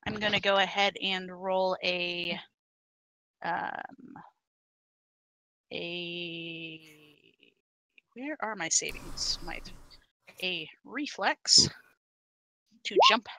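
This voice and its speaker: A woman with a bright, forceful voice and an unhurried pace plays a tabletop roleplaying game. She talks casually and haltingly as she describes her character's actions. The sound is close and dry. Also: lowish voice, dry recording, poor audio. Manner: halting, narrating own character in third person.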